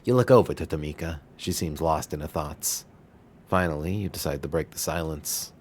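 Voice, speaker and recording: A man streaming, reading a visual novel's narration aloud in a steady voice with occasional stumbles. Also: rumbling low, normal speed, slight background noise. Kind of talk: reading game text aloud.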